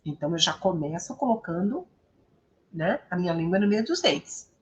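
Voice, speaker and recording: A Brazilian woman teaching English pronunciation, patiently repeating each model word slowly and clearly. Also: on the low side, animated. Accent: Brazilian Portuguese. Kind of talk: pronunciation lesson.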